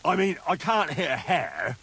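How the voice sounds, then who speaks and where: A man's voice: a little high, sing-song, normal speed, pushed and bright, breathy edge, heavily acted. A cocky, boastful young man. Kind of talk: video game cutscene.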